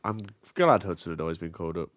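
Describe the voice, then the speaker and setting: A man's voice: deep voice, expressive, fast talker, dry recording, studio quality. A man leading a casual football podcast chat, reading out news and asking the others' views. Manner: steers the talk, reads out news and asks questions.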